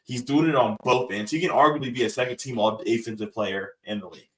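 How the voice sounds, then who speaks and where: A man's voice: mid-range voice, fast, a bit bright, distant mic, poor audio. A man hosting a casual sports podcast, confident and pressing his guests for answers. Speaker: podcast host.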